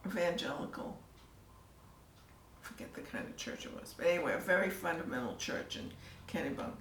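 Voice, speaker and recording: An older woman telling her story in a casual interview, soft-spoken and trailing off into near-whispers. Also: fairly low pitch, brisk, a little hiss or hum. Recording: echoey room, mic at a distance, faint ambience.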